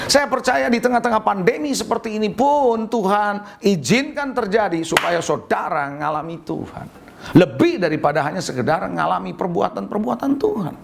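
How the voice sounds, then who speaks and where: A middle-aged man from Indonesia preaching a lively sermon, calling out to the congregation for responses and acting out quotes. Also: high-pitched, gravelly. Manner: lively preaching with audience call-outs and acted quotes. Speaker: pastor.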